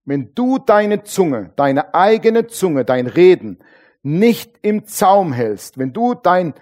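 A pastor preaches with a fairly high voice and lively swings of loudness and tempo. He slips into acted voices and asks the congregation again and again whether they agree. His delivery is an animated sermon. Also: takes it slowly. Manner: animated, acts out voices of churchgoers; calls on the congregation with tag questions.

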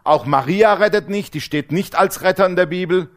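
Emphatic preacher man, fairly high voice. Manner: dramatic storytelling, swings between loud emphasis and low hushed asides; slows down to stress key words, then rushes. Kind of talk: sermon.

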